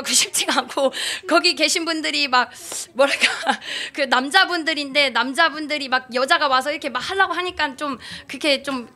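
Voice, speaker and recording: Woman, 30s, high bright voice, rambling church testimony with frequent restarts. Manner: rambling, many fillers and restarts, laughs often. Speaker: church member giving testimony. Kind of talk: spontaneous testimony talk. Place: church gathering.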